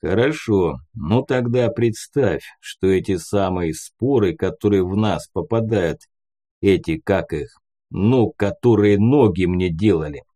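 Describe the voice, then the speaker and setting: A gruff older commander with a deep, dark, unhurried voice, put on by a male narrator. He talks in a slow, folksy way, like a seasoned field leader in an audiobook. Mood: explaining.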